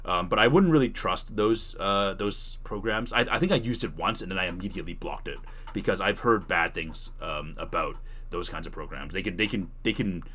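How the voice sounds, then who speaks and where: A man with a low-pitched voice talks at a moderate pace in a bright, forceful tone. Streaming live, he gives a tutorial and answers chat questions casually, thinking aloud and rephrasing as he goes.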